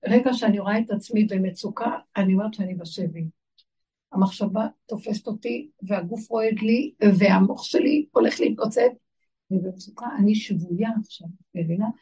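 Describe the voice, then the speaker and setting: Gravelly, very husky woman preaching. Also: mid-range voice, mellow, recorded from a distance, rough recording. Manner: rhetorical questions to listeners, chant-like word lists. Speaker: spiritual teacher. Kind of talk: religious talk to a live audience.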